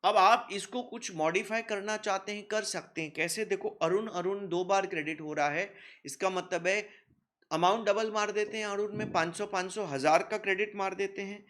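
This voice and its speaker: Guy teaching accounts, kinda high voice, jokey and chatty with the kids. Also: normal speed. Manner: lively, teasing teacher who voices students' questions himself. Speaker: commerce teacher. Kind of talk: recorded classroom lecture.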